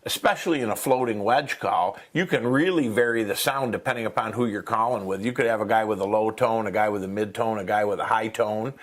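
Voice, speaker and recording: A man's voice: on the low side, fairly quick, hardly any pauses. A man hosting an instructional chat about hunting, explaining things in folksy, informal wording. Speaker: host. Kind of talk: instructional chat on duck calling.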